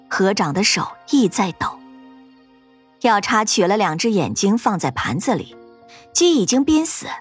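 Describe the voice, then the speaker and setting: A woman narrating a fantasy ghost story in an expressive, dramatic storytelling manner. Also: mid-range voice, husky.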